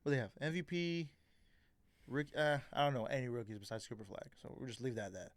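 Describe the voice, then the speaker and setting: A young man co-hosting a casual chat, slangy and animated, acting out voices in his stories. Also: medium pitch, fast, no echo. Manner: animated storyteller, slangy, acts out quotes. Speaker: co-host.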